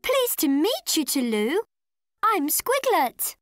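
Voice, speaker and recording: A cheerful, childlike cartoon host leads children through drawing in the manner of a party magician. The voice is high and very animated, slow and encouraging, with music behind it. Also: female voice, no echo, heavily acted. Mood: friendly, eager. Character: Squiglet, cheerful childlike drawing-show character. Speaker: children's show presenter.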